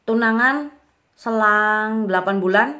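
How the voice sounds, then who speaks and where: A woman's voice: mid-range voice, measured pace, bright, forceful tone. A young woman in her twenties telling her own life story in a candid, chatty way with lots of casual fillers. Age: 20s. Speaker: young mother vlogger.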